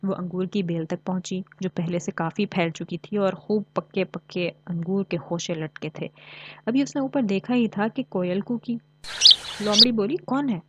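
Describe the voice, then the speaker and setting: A woman narrating a children's bedtime story in a calm, even storytelling manner. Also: fairly low pitch, normal speed, no echo, muffled recording.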